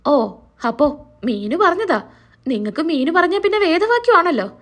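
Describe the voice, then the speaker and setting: A woman voicing a sharp-tongued young wife who talks in a sarcastic, taunting way. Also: very high voice, lively intonation, moderate pace.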